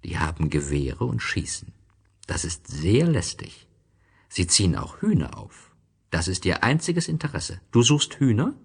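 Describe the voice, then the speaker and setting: Storybook fox, male performer: gravelly, unhurried, wary yet wise, patiently explanatory, animated intonation. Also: sits low, full character voice. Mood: inquisitive, wry. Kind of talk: storybook reading.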